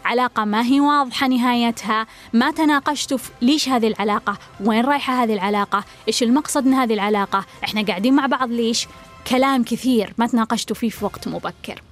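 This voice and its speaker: A woman's voice: on the high side, very fast, faint music behind. A woman giving relationship advice, blunt and direct, firing repeated pointed questions.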